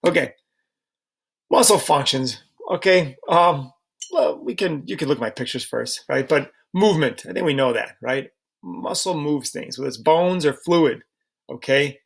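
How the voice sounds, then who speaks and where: Casual gravelly male lecturer. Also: a little high, animated, moderate pace. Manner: casual, chatty, asks rhetorical questions. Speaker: teacher. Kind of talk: recorded slide lecture.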